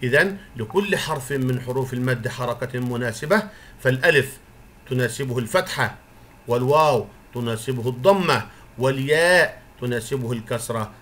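A male primary school teacher gives a recorded lesson for young children, praising them often and stretching example words out slowly. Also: medium pitch, fairly bright tone. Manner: encouraging, praises the pupils often.

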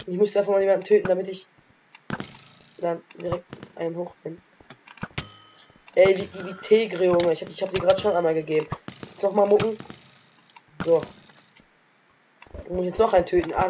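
A woman casually commentating her own game as a let's play gamer, trash-talking excitably, with a sore throat and frequent coughs. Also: medium pitch, a little hiss or hum.

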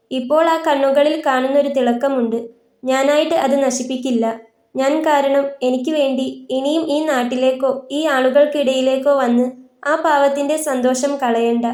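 A woman's voice: sits high, a little mellow, close to an everyday voice. A woman voicing a heartbroken, lonely young woman in a tearful, pleading tone, in a roomy recording. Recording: roomy echo.

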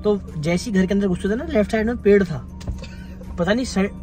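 A young man and vlogger telling stories from his school days to his viewers in a lively, chatty way that often breaks into laughter. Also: high voice, fairly quick, over music. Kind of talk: casual storytelling to viewers.

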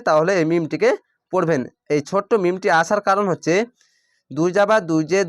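High-voiced man teaching slow recitation. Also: no echo, studio quality. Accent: Bangladeshi Bengali. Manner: patient, repeats rules, drawls out words slowly. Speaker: Quran reading teacher. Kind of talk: step-by-step recitation lesson.

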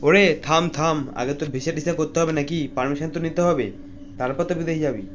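A man's voice: fairly high pitch, fairly even intonation, fast talker. A man voicing bossy, scolding comic cartoon dialogue. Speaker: voice actor for cartoon figures. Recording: slightly dull lo-fi audio with faint hiss.

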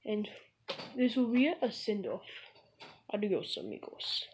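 Slow, rambling young woman gamer vlogger. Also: mid-range voice, sing-song, darkish tone, a little hiss or hum, rough recording. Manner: jokey, offhand, calls viewers comrades in a mock Russian voice. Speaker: gaming channel host. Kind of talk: casual rambling vlog.

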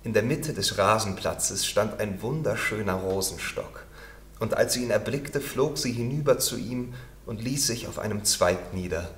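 Ein Schauspieler liest ein Märchen vor, gemessen und ausdrucksvoll erzählt. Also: male voice, fairly low pitch. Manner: measured, expressive narration. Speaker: actor reading aloud. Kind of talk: literary fairy-tale reading. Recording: roomy room with faint background noise.

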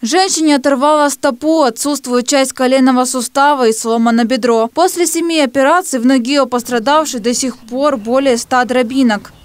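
A woman's voice: high-pitched, moderate pace, few pauses, clean tone, dry recording. A woman reporter reading a scripted television news narration. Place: voice-over recorded apart from the pictured scene.

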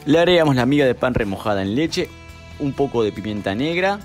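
A young man, calmly narrating a cooking recipe step by step as a voice-over, with music behind him. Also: mid-range voice, a little fast. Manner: calm step-by-step instructions. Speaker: cooking channel host.

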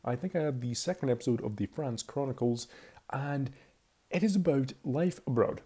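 This video commentator, a twenty-year-old from Scotland with a Scottish accent, talks casually and candidly in a chatty voice-over. His mid-range voice is mellow and slightly rough, moving at normal speed.

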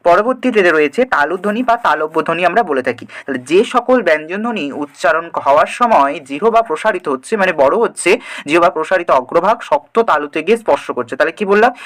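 A man with a fairly high voice teaches a grammar lesson at a quick pace. He keeps asking rhetorical questions and answers each one himself, then goes back over the key definitions. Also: a bit bright. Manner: repeats key definitions slowly. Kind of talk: grammar lesson for exam students.

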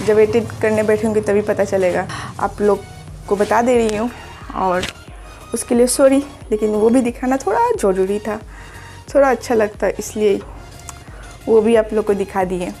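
A woman's voice: medium pitch, fairly even intonation, moderate pace, vocal fry, dark tone, soft background music. A young woman from Assam, India, chatting casually to her viewers in a home vlog. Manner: chatty, talks to viewers directly. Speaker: vlogger. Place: home, indoors.

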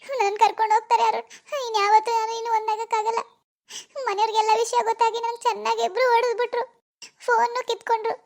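A woman voicing an anxious teenage village schoolgirl in a cartoon, fretting in hushed scheming asides. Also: very high-pitched, fairly even intonation, quick pace. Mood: tearful complaint. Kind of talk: cartoon voice acting.

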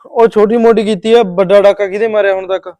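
A weary young husband with a Punjabi accent, defensive and grumbling, as an actor plays him. He talks fast in a high, clear voice, recorded dry. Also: level tone, warm tone, no echo, close to an everyday voice. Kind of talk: short-film drama acting.

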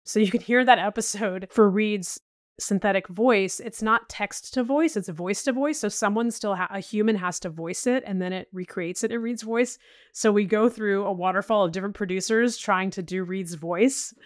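A woman's voice: medium pitch, moderate pace, no echo. Chatty woman in a dry interview. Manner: chatty, many restarts and "you know"s. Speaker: podcast executive guest. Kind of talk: casual interview chat.

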